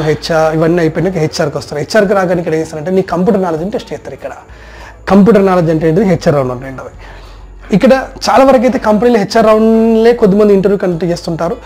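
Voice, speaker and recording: A man gives a rapid, direct instructional talk to students, reeling off list after list. His voice sits high but has a warm, mellow tone. Faint music plays underneath. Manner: direct, addresses listener as "you", long spoken lists. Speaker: soft skills trainer. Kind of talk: instructional talk on job placement rounds.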